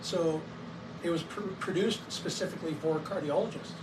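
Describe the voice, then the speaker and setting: The owner of a wellness clinic, voice hoarse as he recovers from a cold, chats to camera about the equipment there, informal and explanatory. At normal speed and slightly high pitch, he coughs between sentences and uses many fillers. Background noise is steady and clear; the mic is distant.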